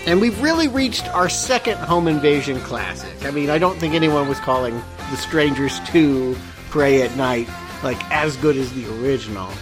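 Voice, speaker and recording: A man's voice: on the high side, animated, normal speed, music in the background, rough recording. A man co-hosting a podcast, chatting casually as he reviews films. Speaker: podcast co-host. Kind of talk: casual film review chat.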